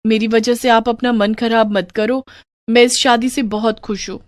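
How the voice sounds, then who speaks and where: A woman voicing a shy young newlywed bride who speaks softly and pleadingly. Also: a little high, level tone, moderate pace, no echo, studio quality, lightly acted. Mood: reassuring.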